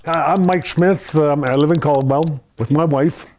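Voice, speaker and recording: Brief: older man, mellow and dark in tone, soft-spoken interviewee reading his own notes. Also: a little high, steady tone, normal speed. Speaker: husband interviewed in a news feature.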